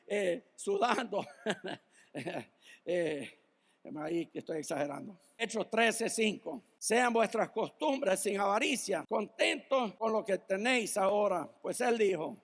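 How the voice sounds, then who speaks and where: Man, pastor, sermon, storytelling, reads scripture, raspy creak in the voice. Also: sits high, fairly bright tone, in a large hall. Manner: storytelling, laughs at his own stories; reads Bible verses then applies them to the listeners.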